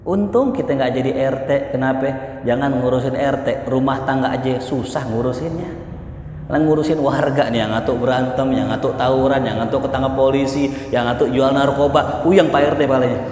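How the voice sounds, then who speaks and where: A male preacher gives a humorous sermon to a live audience, joking and asking rhetorical questions. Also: fairly high pitch. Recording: echoey hall, faint noise.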